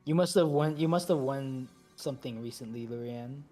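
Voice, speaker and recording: A man leads a team through a game raid, calling moves in a brisk, mid-pitched voice. He repeats his commands and drops in the odd joke. Soft game music plays behind him. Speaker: raid leader. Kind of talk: calling instructions over voice chat while gaming.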